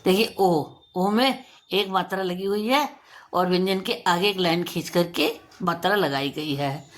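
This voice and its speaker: A woman teacher giving a pronunciation lesson for children, stretching out example words slowly and deliberately. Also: lowish voice. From India.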